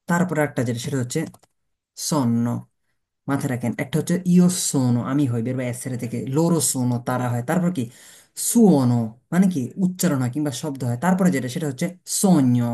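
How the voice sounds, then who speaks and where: A man's voice: medium pitch, dark tone. A man teaching a beginner language lesson, asking rhetorical questions and answering them himself, spelling words out letter by letter.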